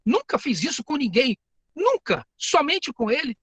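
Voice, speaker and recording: Um homem com sotaque brasileiro que prega um sermão sincero, conta histórias e repete palavras e frases. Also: male voice, very high-pitched, big pitch swings, moderate pace, fairly bright tone, no echo, poor audio. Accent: Brazilian Portuguese. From Brazil. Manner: earnest, storytelling, repeats words and phrases. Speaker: preacher and teacher. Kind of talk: sermon.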